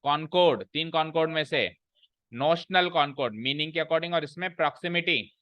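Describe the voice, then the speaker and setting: A man lectures a class on English grammar, keeping them engaged with constant questions and repeated key phrases. His voice sits a touch higher than usual. The recording is dry and somewhat dull, like a basic lo-fi classroom capture. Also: normal speed, no echo.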